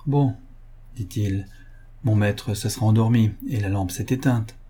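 Man doing anxious servant, urgent calls, husky. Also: fairly low pitch, a little slow, mellow. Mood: calm. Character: male household servant, loyal and alarmed.

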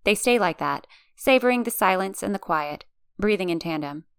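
A woman reading fan fiction aloud as a podfic, narrating in a calm, gentle storytelling manner. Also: medium pitch, normal speed, clear, resonant tone, dry recording, studio quality. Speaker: podfic reader.

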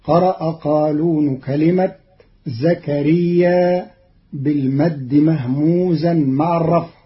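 A man giving a scripted radio explanation of Quran readings in a measured, deliberate and formal way. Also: fairly high pitch. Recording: dull lo-fi radio archive.

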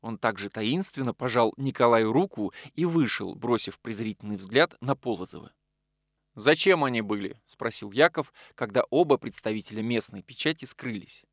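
A man narrates a novel aloud in an animated, dramatic way. His voice moves in lively rises and falls at a middle pitch. The recording is close and dry, with no room sound. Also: normal speed, no room sound. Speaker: audiobook reader. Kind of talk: expressive literary narration.

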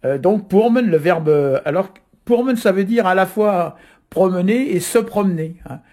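A man from Brittany explains words on radio, pausing often on fillers as he thinks aloud. His voice is mellow and somewhat husky, pitched a little higher than most men's. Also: lively intonation. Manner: hesitant, filler-heavy, explanatory. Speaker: Breton language guest teacher.

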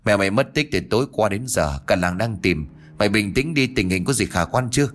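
Old village man in a ghost story, low, gruff and scolding, read by a male narrator. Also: expressive, brisk, close to an everyday voice. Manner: brusque, scolding, talks down to the young.

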